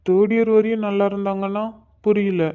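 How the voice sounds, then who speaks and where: A man's voice: high-pitched, flat delivery, brisk, clear, resonant tone, close to an everyday voice. A man voicing a curious young listener. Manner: curious questioning. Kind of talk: Tamil cartoon voice acting. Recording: dull lo-fi audio.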